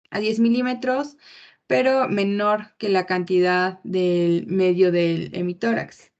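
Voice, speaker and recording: A young woman giving a medical class presentation, explaining in a measured way with frequent pauses and fillers. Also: medium pitch. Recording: muffled lo-fi recording.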